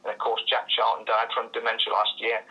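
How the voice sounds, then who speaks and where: A man's voice: fairly low pitch, monotone, a little fast, breathy edge. An older man from Northumberland with a Northumberland accent, answering interview questions as a radio guest over the telephone. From Northumberland, England. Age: 60s or older. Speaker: radio phone-in guest, songwriter. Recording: tinny, band-limited phone line.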